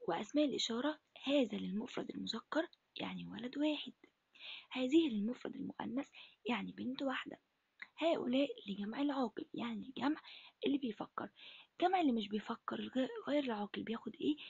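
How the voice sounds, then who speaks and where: A woman teaching Arabic to first graders in an Egyptian accent, asking questions and answering them herself in a breathy, half-whispered voice. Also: on the high side, animated, quick pace, a little mellow, no echo, lo-fi sound. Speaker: primary school Arabic teacher. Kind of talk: recorded lesson for first graders.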